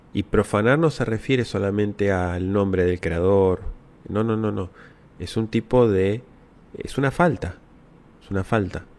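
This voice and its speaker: A man's voice: lowish voice, darkish tone. A man from Latin America teaching about the Bible as he answers viewer questions, explaining step by step and checking in with short rhetorical tags. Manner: didactic, repeats key words with frequent rhetorical tags.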